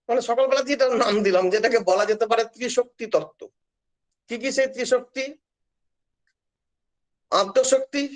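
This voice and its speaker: A middle-aged man, a professor, giving an earnest, emphatic public lecture and repeating his key points. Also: sits high. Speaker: professor of Bengali.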